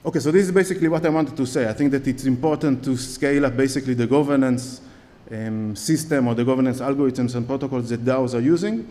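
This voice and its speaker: The long reverb of a large conference hall colors this recording of a man with an Israeli accent lecturing from a lectern on stage. His medium-pitched, warm voice is fast with hardly any pauses, but he still hedges with many fillers and restarts. The talk is open to audience questions.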